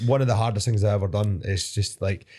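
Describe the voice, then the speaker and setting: A man's voice: on the low side, fairly even intonation, fast talker, darkish tone. A Scottish man, a fighter guesting on a podcast, telling rambling anecdotes in a casual way, swearing freely and laughing often. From Scotland. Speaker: podcast guest, mixed martial arts fighter. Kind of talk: casual storytelling interview.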